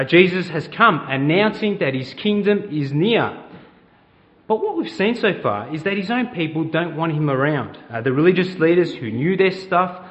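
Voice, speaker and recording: A middle-aged Australian pastor preaches a conversational sermon in church, putting questions to the congregation. His voice is high-pitched and the sound is lo-fi.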